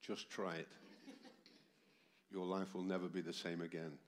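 With a low voice and flat delivery at a normal pace, a man in his seventies preaches to a church hall congregation over an amplified mic. His voice carries the fatigue of a cold. He often asks the room rhetorical questions.

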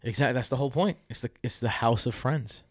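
A man in his 30s hosts a fantasy football podcast with his brother, chatting in a loose, joking way. He speaks fast in a medium-pitched voice, animated and laughing often, on a dry, studio-quality recording.

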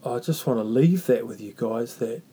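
A man with a New Zealand Māori accent hosting a reflective faith talk, speaking earnestly and haltingly with repeated phrases. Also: medium pitch, mellow, breathy edge. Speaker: podcast host.

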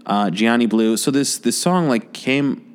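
A man hosting a podcast interview, chatty and relaxed with dry sarcasm. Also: medium pitch, unhurried, clean tone. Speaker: podcast host; college instructor. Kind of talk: casual interview. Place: office space during an event.

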